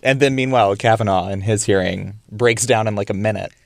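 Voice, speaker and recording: A man's voice: lowish voice, steady tone, a little fast, gravelly, no echo. A man appearing as a guest on a radio talk show, making political points in a firm, matter-of-fact way with a wry edge. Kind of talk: casual political chat.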